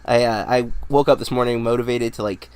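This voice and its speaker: On poor audio, a clear, resonant, mid-range male voice moves a little fast; he's an American in about his thirties co-hosting a casual movie podcast. Nasal from a head cold, he rambles in a relaxed way, using fillers and restarting sentences.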